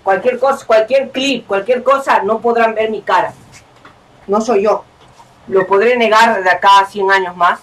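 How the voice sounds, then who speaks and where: A young man hosting a gaming channel, talking casually and excitably over his game, swearing and yelling at the screen. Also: sits high, normal speed.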